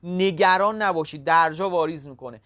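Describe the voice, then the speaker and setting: Halting, casual tutorial host, dry sound. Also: mid-range voice, a bit bright, no echo. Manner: talks step by step, halting with frequent "uh" fillers; addresses viewers as kids and friends. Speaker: crypto tutorial channel host. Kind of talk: casual screen-recorded walkthrough.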